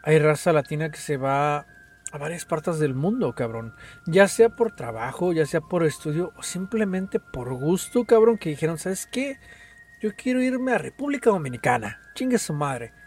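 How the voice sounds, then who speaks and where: Slightly high and expressive, this young man's voice is a little mellow and moves at a moderate pace over a bit of hiss or hum. He's a Mexican podcast co-host with a Mexican accent, chatting casually, swearing a lot, using heavy slang, and saying "güey" nonstop.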